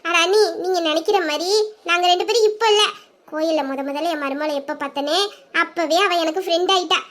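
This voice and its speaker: A woman's voice: extremely high pitch, a little fast, a bit bright. A woman voicing a cheerful village mother-in-law who chats and teases fondly about her daughter-in-law. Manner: chatty, teasing.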